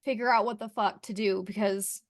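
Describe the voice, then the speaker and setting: A woman's voice: mid-range voice, steady tone, moderate pace. A young adult woman co-hosting a podcast, telling her part of the story with wry humor and some swearing. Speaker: podcast co-host. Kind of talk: casual storytelling chat.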